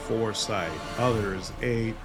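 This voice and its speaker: A man with a fairly low voice plays and narrates a fantasy game. He talks casually as commentary, with game music behind him. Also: fairly even intonation, slow pace. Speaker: gamer, let's play host.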